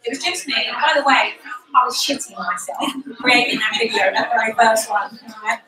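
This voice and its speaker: A woman with a Cockney accent giving a lively, candid motivational talk at an event. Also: on the high side, moderate pace, a crowd in the background. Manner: lively, candid, swears casually. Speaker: speaker at an event. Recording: echoey room from far off.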